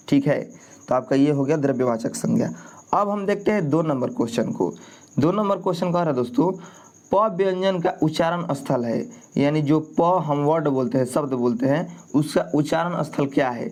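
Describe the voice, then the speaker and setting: A man narrates a grammar lesson for exam candidates, his voice sitting a little higher than most men's. He explains each answer patiently and repeats key points, often pausing to check that listeners are following. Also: dark tone. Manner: repetitive, checks in with "ठीक है" often. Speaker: exam prep teacher. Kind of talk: explaining a Hindi grammar quiz.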